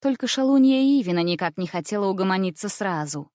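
A woman narrating a children's story in an even, measured reading voice. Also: mid-range voice, no echo, clean studio sound.

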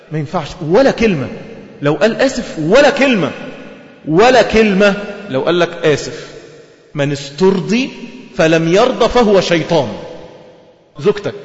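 A man with an Egyptian accent preaching a sermon, lively and asking his audience rhetorical questions. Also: high voice. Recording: echoey hall, dull lo-fi sound.

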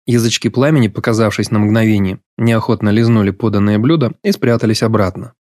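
A man reading a novel aloud as an audiobook narrator, in a measured, even storytelling manner. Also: fairly low pitch, no echo, clean studio sound. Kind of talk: scripted literary narration.

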